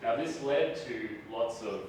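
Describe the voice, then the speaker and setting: An Australian guest lecturer speaks in a large university lecture hall, chatty and self-deprecating, frequently putting questions to the audience. His medium-pitched voice is animated and a little slow. The recording is noisy and echoey, with his voice coming from far off.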